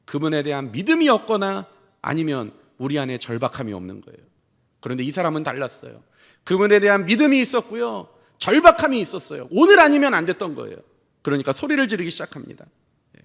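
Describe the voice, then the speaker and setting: A man preaching from the pulpit, his notably high voice carried by the long reverb of a church sanctuary. He tells the story vividly, acting out the characters' dialogue and putting questions to the congregation. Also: sing-song, fast talker, vocal fry, a bit bright. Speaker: senior pastor. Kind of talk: sermon.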